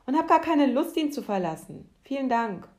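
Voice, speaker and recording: A woman voicing a grumpy, stubborn little male worm in a slowly read storybook. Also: high-pitched, sing-song, voice pushed up. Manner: grumbling, then yelling for help. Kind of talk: storybook narration.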